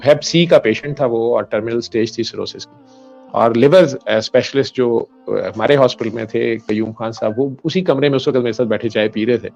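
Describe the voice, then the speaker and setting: A man who works as a doctor tells a long story from his hospital days, voicing the other people in it as he goes. His voice has a rough, creaky edge at a middle pitch. Faint music plays beneath his interview talk. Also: darkish tone, lo-fi sound. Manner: retells events with quoted dialogue, mixes in English medical terms.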